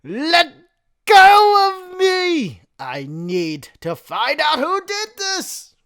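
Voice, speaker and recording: A man voicing a hot-tempered young man who yells in outrage while reading a fanfiction story aloud. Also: big pitch swings, slow, exaggerated voice. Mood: furious. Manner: shouting, high-strung.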